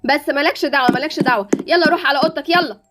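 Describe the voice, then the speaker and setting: A woman's voice: sits high, very fast, fairly bright tone, soft background music. A woman playing a scolding Egyptian mom. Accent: Egyptian Arabic. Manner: scolding, mocking. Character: scolding mother, sharp-tongued and impatient. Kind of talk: Roblox story drama.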